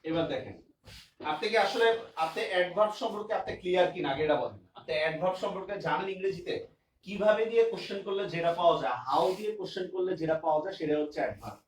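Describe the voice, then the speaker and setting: High-pitched male teacher in echoey room. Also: expressive, very fast. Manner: repeats examples and keeps asking if students understand. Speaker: grammar teacher. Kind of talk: online class lecture. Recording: echoey room, distant mic, faint noise.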